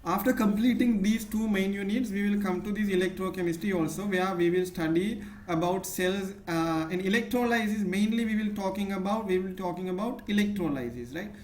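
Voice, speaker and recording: Tutoring a single student in chemistry, this Sri Lankan-accented man stays patient and keeps asking "right?" to check understanding. He has a high, darkish voice and talks a little fast, with hardly any pauses. The room is echoey and a faint noise sits underneath.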